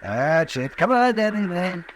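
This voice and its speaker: A man's voice: sits high, sing-song, unhurried. An actor playing a crotchety but fatherly older frontier doctor in a radio western, fussy, folksy and grumbling. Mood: coaxing. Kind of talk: 1950s radio western acting. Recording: noisy old radio broadcast.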